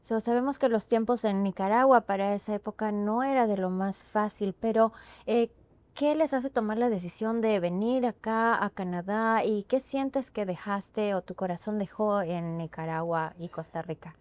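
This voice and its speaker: A woman's voice: medium pitch, moderate pace, a little mellow, dry recording. A woman hosting an interview, asking questions in an upbeat, encouraging manner. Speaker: host.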